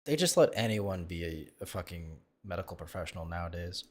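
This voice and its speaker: A man with a lowish voice tells a story in an offhand, rambling way. He is crude and self-mocking and keeps restarting his sentences as he reacts to videos. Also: animated, fairly quick, darkish tone.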